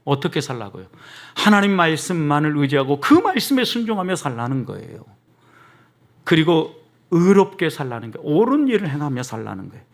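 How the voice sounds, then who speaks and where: A middle-aged man preaching a sermon as pastor, often calling out to the congregation, moving between soft asides and emphatic rises. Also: a little high, sing-song, fairly quick.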